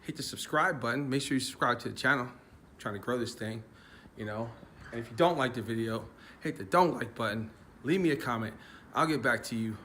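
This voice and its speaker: A laid-back man with a Philadelphia accent talks casually to his viewers, chatty and loose with his swearing. His voice sits at an ordinary middle pitch. Clear outdoor noise runs behind him. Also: fairly quick, sharp tone. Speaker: car channel host. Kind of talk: casual vlog talk. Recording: noisy outdoor ambience.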